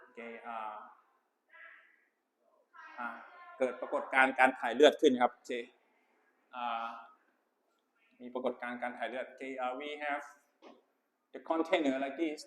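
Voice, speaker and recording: A man's voice: medium pitch, steady tone, slow pace, long pauses. A university lecturer, a man, explains material to his class in a chatty, informal way, switching between Thai and English terms. He is recorded on a phone in an echoey lecture room with a faint hum of background noise.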